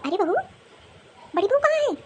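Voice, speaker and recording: A woman's voice: high-pitched, sing-song, brisk, slight background noise. A woman voicing a domineering older mother-in-law in a cartoon, with a harsh, taunting, commanding manner. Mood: angry. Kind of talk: cartoon voice acting.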